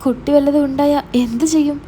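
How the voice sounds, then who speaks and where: A stern older brother, read by a woman in her own voice, presses hard with suspicious questions. The tone is mellow and dark rather than bright, sitting slightly high, with a faint hiss behind it. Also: steady tone, fairly quick, lightly acted. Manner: stern, interrogating.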